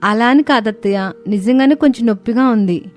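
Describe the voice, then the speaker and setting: A woman's voice: fairly high pitch, a little fast, soft background music, lightly acted. Woman playing a meek, polite young daughter-in-law. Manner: polite and soft, pleading.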